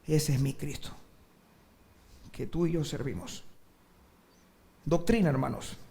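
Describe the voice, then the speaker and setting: High-pitched pastor guy preaching, loud then quiet, prays hard. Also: takes it slowly, vocal fry. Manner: preaching with sudden loud emphatic rises and drops to quiet; prays aloud fervently. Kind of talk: sermon.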